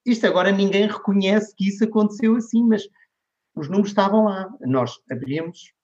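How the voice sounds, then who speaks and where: This guest's voice sits high, a little mellow, and fairly quick. He is a middle-aged digital marketing lecturer from Portugal with a European Portuguese accent, storytelling in a conversational interview and imitating those he quotes, captured on a dull lo-fi recording.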